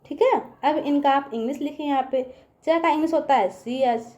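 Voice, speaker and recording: A woman's voice: high-pitched, a little fast, darkish tone, highs cut off. A woman teaching young children in a patient online lesson, asking them questions and repeating herself often.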